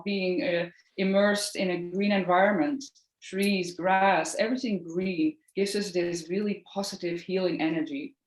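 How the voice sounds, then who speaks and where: A woman from the Netherlands with a Dutch accent, in her thirties, talking earnestly and gently as a podcast guest. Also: fairly low pitch, reverberant. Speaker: podcast guest, Reiki practitioner. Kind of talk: casual interview chat.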